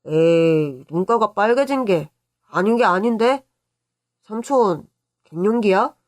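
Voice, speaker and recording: A woman voicing an eager, cheeky young boy who chirps and teases excitedly. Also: mid-range voice, takes it slowly. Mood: teasing.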